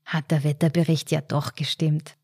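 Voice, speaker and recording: A woman reads a calm, unbothered elderly husband, low and dry in tone. Storybook reading, close dry sound. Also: normal speed, slightly rough, no room sound.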